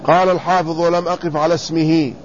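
A man teaching a lesson in classical Arabic, reading quoted commentary and then explaining it, repeating words slowly to spell out their vowels. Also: fairly high pitch, little pitch movement. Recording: slightly dull lo-fi recording with faint room noise.

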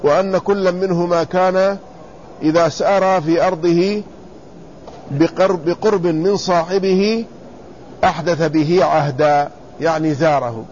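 A man teaching a lesson in classical Arabic, reading quoted commentary and then explaining it, repeating words slowly to spell out their vowels. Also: sits high, fairly even intonation, darkish tone. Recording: slightly dull lo-fi recording with faint room noise.

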